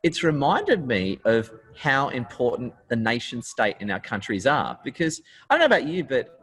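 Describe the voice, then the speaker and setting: A man's voice: mid-range voice, big pitch swings, moderate pace, fairly bright tone, slightly rough, big-room sound, rough recording. A man hosting an interview podcast, chatty and enthusiastic, joking with his guest. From Australia. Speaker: podcast host.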